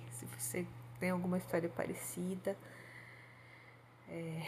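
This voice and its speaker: A woman's voice: on the low side, gravelly, background noise. A woman telling a heartfelt personal story to her channel in a rambling, confessional way, often adding little tag questions. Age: adult.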